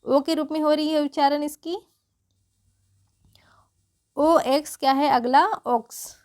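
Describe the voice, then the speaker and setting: A high-pitched woman with a Hindi accent gives a beginner's phonics lesson. She speaks slowly, spelling out each word one letter at a time. Then she poses a question and answers it herself. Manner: spells words letter by letter, asks and answers her own questions. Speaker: English teacher.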